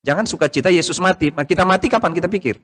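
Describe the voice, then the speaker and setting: A middle-aged man, preaching a conversational sermon and asking the congregation questions, loud emphatic bursts giving way to quiet asides. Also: rapid-fire. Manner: swings between loud rising emphasis and quiet low asides. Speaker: pastor. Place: church service hall, streamed online.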